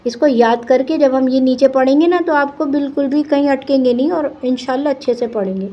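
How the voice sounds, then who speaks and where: A woman teaching Quran reading to children, spelling syllables out slowly and patiently between quick explanations. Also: high voice. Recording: muffled lo-fi recording.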